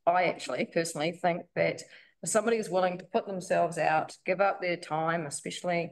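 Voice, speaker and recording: A woman's voice: lowish voice, fairly even intonation, fairly quick. A woman speaking informally to a council meeting as a member of the public, reading loosely from notes with many fillers.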